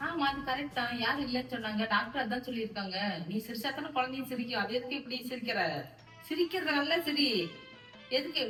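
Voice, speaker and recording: Exasperated mom, high voice, recorded off-mic with music behind. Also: female voice, fast talker, reverberant, distant mic. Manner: scolding, exasperated, swings between grumbling and shouting. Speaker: mother scolding her prankster daughter. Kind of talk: casual family prank video.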